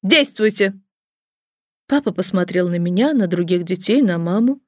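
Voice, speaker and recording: A woman reading a children's story aloud with a lively, expressive delivery. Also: on the low side, fairly quick, dry recording, clean studio sound. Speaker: audiobook reader.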